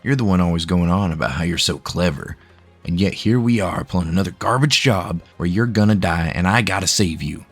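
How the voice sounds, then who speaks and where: A burly, touchy outlaw gunman who blusters and grumbles through his complaints, as a male narrator puts him on. His voice is gravelly and rough, with soft music playing behind it. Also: low voice, fairly quick. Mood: blustering.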